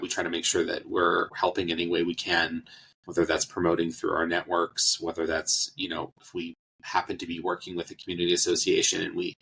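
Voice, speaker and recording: A man answering interview questions about his charity's work, relaxed, with many fillers and restarts. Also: sits low, vocal fry, a little hiss or hum, rough recording.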